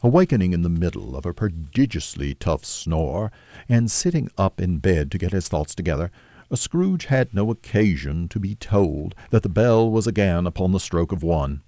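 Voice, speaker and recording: A man narrating a classic novel as an audiobook, with measured, steady storytelling. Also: deep voice, dry recording.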